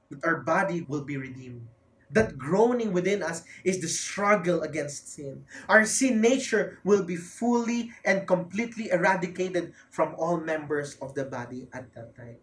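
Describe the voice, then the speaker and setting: A preacher with a Filipino accent giving an emphatic sermon, repeating key phrases and swinging between loud, fervent lines and quiet ones. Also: mid-range voice.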